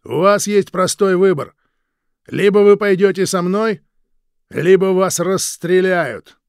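A man voicing a harsh, cruel male revolutionary guard who sneers and barks orders slowly and with menace. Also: medium pitch, darkish tone, no room sound, clean studio sound, lightly acted. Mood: commanding. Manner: sneering, commanding, drawn-out menace.

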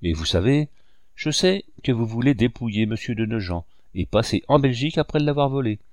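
A man's voice: medium pitch, animated, fairly quick, darkish tone, no room sound, studio quality, pitched above the performer's own voice, lightly acted. A man voicing a bold young male sculptor who speaks bluntly and defiantly.

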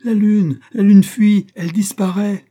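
A man's voice: mid-range voice, fairly even intonation, a little fast, mellow, pitched above the performer's own voice, close to an everyday voice. A man reading aloud, voicing an agitated male astronomer who exclaims in a strangled, indignant way. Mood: panicked.

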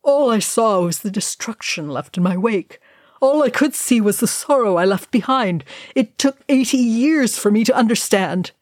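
Woman reading as gruff male dwarf king; growled commands, slow, dry booth-like sound. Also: lowish voice, dark tone, dry recording. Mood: commanding.

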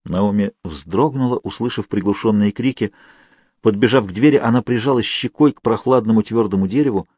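A man narrating an audiobook in a measured, even storytelling manner, recorded on a close mic. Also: fairly low pitch, husky, no echo.

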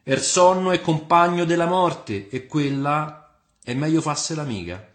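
A man's voice: a little high, measured pace, voice pushed up, lightly acted. A man voicing a jovial, folksy Roman tavern philosopher with a Roman accent and a sing-song manner, in a radio play. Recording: roomy room with faint music.

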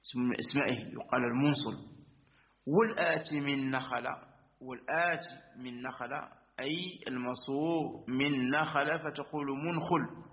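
A man gives a grammar lesson in a plain, mid-pitched voice. He works through each point methodically, repeats himself, and keeps affirming as he goes. The recording sounds dull and lo-fi. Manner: recites verse lines slowly. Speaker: teacher of Arabic grammar. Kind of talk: religious-school lesson explaining a verse text.

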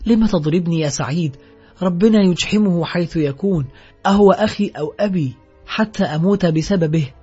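A man voices a frightened male petty crook in this audiobook, pitched a little higher and louder than the narration, and pleading and protesting for his life. The voice is husky and breathy. The sound is muffled and lo-fi, with faint music behind it. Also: animated, a little fast.

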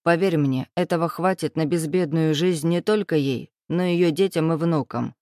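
A woman reading an audiobook voices a curt, self-assured man in power, speaking low, clipped and matter-of-fact. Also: moderate pace, darkish tone, no room sound, studio quality. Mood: dry, wry.

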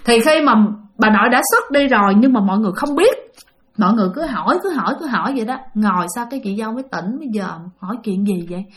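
A woman telling a spoken ghost story, lively and acting out the quoted voices. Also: a little high, fast. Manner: animated retelling with acted quotes.

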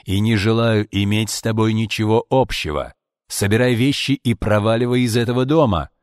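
A man voicing a furious, domineering middle-aged father who shouts harshly. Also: deep voice, normal speed, no room sound, clean studio sound, close to an everyday voice. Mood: raging. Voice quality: bellowing, harsh.

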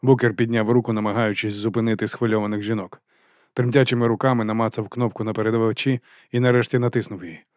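A man narrating an audiobook in a measured, even reading voice. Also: fairly low pitch, dry recording, studio quality.

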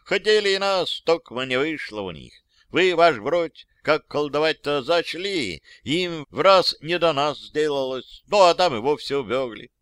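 A man's voice: on the high side, expressive, measured pace, a bit bright, smooth, no echo, pitched above the performer's own voice. Miron, a man playing a folksy soldier ghost. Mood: eager, deferential. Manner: folksy, deferential, rustic speech. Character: ghost of a plain-spoken old-time soldier. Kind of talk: audiobook character voice.

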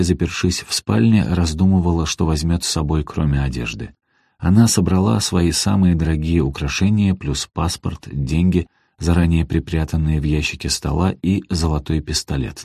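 A man narrating an audiobook in a steady, even reading voice. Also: deep voice, creaky, husky, dry recording, clean studio sound. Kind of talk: scripted narration.

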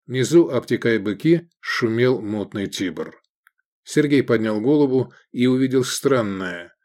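This is scripted audiobook narration by a man with a mid-range voice, delivered in a measured yet expressive style.

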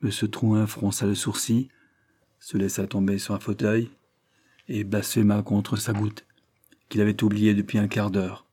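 A man reads a historical novel aloud in a measured, even storytelling manner. His voice is low and dark, with a husky edge. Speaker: audiobook narrator. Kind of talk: scripted narration of a historical novel.

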